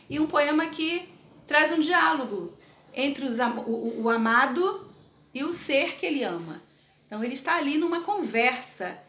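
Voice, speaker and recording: Woman teacher, slightly high voice, explains stuff slowly, keeps asking "right?", echoey room with a bit of background noise. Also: fairly bright tone. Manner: explanatory, checks in with tag questions. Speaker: literature teacher. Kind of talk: recorded class lesson.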